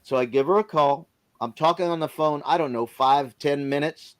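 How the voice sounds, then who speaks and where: A man's voice: a little high, moderate pace. A man casually telling a personal story on a live stream, in plain informal speech. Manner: lively storyteller who acts out others' lines.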